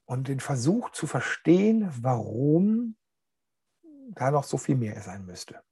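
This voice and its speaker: A man's voice: mid-range voice, big pitch swings, slow, warm tone, husky. A man preaching a chatty, humorous sermon to his congregation. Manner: chatty, joking, addresses listeners directly.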